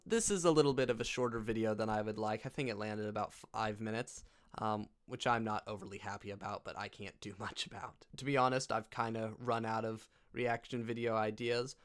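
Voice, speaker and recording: A man's voice: fairly low pitch, normal speed. A man hosting a casual reaction vlog, talking in a goofy, rambling way. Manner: goofy and rambling, laughs often. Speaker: YouTuber.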